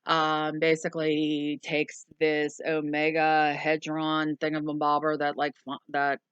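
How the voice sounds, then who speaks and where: A woman's voice: deep voice, monotone, unhurried, smooth, no echo, lo-fi sound. A woman co-hosting a movie review, casually summarizing the plot in a rambling way with lots of ums. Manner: rambling, with frequent ums and plain swearing.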